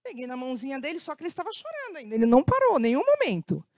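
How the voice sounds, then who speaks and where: A middle-aged Brazilian woman speaks in a Brazilian Portuguese accent, lecturing to an audience in a conversational way. Her pitch sits somewhat high and moves around a lot as she acts out bits of dialogue. The sound is close and dry. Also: wildly swooping pitch, very fast, darkish tone, no room sound. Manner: conversational, frequent tag questions, acts out quoted dialogue. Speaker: guest speaker, educator. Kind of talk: lecture with personal anecdotes.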